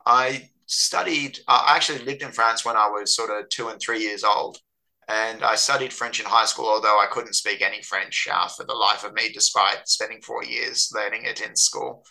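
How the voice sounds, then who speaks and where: Bright, gravelly Australian man, hesitant. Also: lowish voice, fairly even intonation, moderate pace, poor audio. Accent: Australian, slightly Americanized. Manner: hesitant, many fillers and restarts. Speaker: interview guest. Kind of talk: casual conversation.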